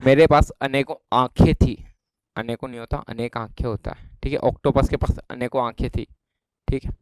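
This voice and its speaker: A man's voice: medium pitch, steady tone, moderate pace, a little mellow, dry recording. A man with a Rajasthani Hindi accent explaining an exam syllabus in a chatty lesson, often checking that his students follow. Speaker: exam prep teacher.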